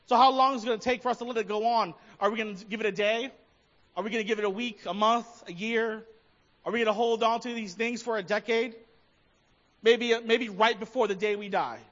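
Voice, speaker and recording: A man's voice: sits high, brisk, fairly bright tone, dull audio. A man preaching a sermon as pastor, talking conversationally and asking his listeners many questions.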